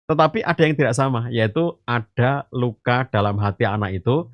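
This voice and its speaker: A medium-pitched man delivers a parenting talk at a moderate pace as an Islamic teacher on a podcast. He illustrates with homely stories and analogies, addresses "ayah bunda," and often fills pauses with "gitu" and "eh." The recording has no echo and sounds dry and slightly muffled.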